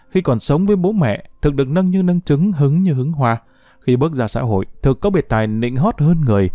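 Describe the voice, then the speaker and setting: A man reading a short story aloud as a storyteller, expressive and lively, close to the mic. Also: dry recording. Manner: expressive reading with lively pitch, voicing quoted characters. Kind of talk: scripted narration of a short story.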